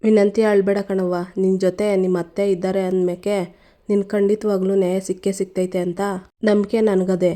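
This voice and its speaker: A scheming mother begging through tears, as a woman narrator puts her on, in a soft, mellow voice with little melody. She sounds like a serial villain putting on a humble act. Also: medium pitch, little pitch movement, normal speed, lightly acted. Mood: pleading. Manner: pleading, tearful. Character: tearful scheming mother pleading with sister-in-law.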